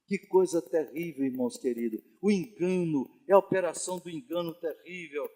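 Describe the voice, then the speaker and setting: A man, a pastor giving a Bible study sermon with animated storytelling and rhetorical questions to the congregation. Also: on the high side, fairly quick. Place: church hall. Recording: reverberant church hall.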